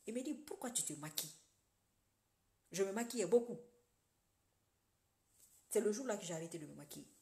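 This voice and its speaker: Speaking straight to her online followers, a woman social media commentator gives a casual, preachy political monologue, animated and lurching from loud, emphatic bursts to quiet muttered asides. Her voice is lowish, and the sound is reverberant.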